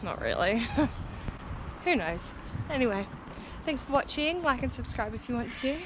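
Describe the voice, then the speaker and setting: A woman's voice: fairly high pitch, big pitch swings, a little slow. A woman chatting casually to camera outdoors by a lake, giggly and swearing now and then. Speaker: vlogger. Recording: outdoor noise behind voice.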